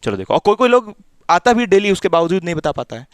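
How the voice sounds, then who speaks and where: A man's voice: high voice, sing-song, fast, clean tone, no room sound, studio quality. A man tutoring physics in a small room, repeating himself as he coaxes and mildly scolds his students. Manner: repetitive, coaxing, mildly scolding. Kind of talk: classroom teaching.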